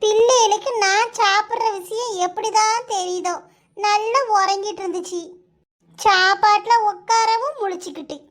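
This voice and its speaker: A woman's voice: extremely high pitch, steady tone, normal speed, fairly bright tone. A woman voicing a tired young village mother in a cartoon, complaining with a Kanyakumari Tamil accent. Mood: grumbling.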